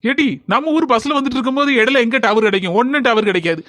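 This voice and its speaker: A woman's voice: on the high side, expressive, fast talker, fairly bright tone, dry recording. A woman voicing a blunt, scolding middle-aged village husband in a cartoon, with a southern Tamil Nadu village dialect. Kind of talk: cartoon voice acting.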